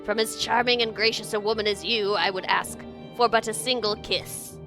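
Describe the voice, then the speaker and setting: Woman doing a creaky, smarmy male dark elf. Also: mid-range voice, fairly even intonation, normal speed, music in the background, voice pushed up, lightly acted. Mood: flattering, wooing. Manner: florid, ingratiating, old-fashioned gallant phrasing. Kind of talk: video game character read aloud.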